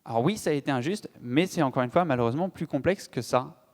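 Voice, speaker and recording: A man's voice: medium pitch, fast talker. A man giving a political conference talk, hesitant with frequent fillers and restarts. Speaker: conference speaker. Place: conference hall. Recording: long hall reverb.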